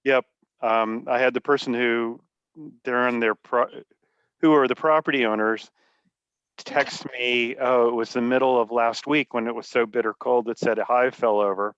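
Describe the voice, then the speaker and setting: A man's voice: mid-range voice, fairly even intonation, moderate pace, fairly bright tone, smooth, no echo, muffled recording. A man giving a casual spoken update as a club member on an online call.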